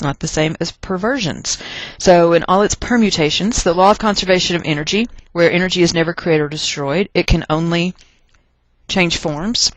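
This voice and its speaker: This chemistry teacher from Texas speaks at a medium pitch, narrating a lecture over class notes with emphatic, deliberate stress and repetition of the main ideas plus folksy, joking asides. The audio is dry with no room sound, but its quality is poor.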